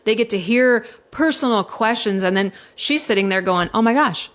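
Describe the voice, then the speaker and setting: A woman's voice: medium pitch, moderate pace, fairly bright tone. A middle-aged woman, a divorce coach, talking candidly and emotionally in a podcast interview, swearing freely as she goes. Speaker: divorce coach and mediator guest.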